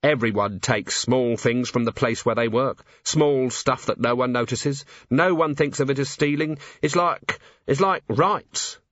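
A man reading aloud and voicing a patient police commander who questions kindly and gently. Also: medium pitch, unhurried, hardly any pauses, dry recording, highs cut off, lightly acted. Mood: gentle.

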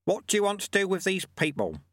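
A man voicing a wry, unflappable old master sweeper who talks smoothly and teasingly. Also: high-pitched, wildly swooping pitch, fast talker, a bit bright, no room sound, pitched above the performer's own voice, full character voice. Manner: smooth, teasing, airily lofty.

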